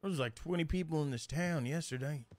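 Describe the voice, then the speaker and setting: A man's voice: on the high side, fast talker, a little mellow. Brash, swearing man in roleplay. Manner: brash, swearing, calls everyone brother. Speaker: roleplayer and streamer. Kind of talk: in-character roleplay chat.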